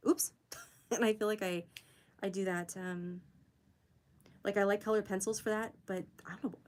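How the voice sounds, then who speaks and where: A young woman hosting a casual art livestream, chatting with viewers as she works, giggling often and jumping up high to greet people. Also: fairly even intonation, normal speed, darkish tone. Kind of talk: casual livestream chat while drawing.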